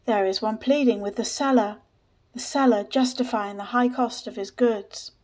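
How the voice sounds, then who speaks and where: A woman voicing a disillusioned young man's bitter thoughts, slow and questioning. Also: a little high, fairly even intonation, darkish tone, close to an everyday voice. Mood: disgusted. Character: brooding disillusioned young man.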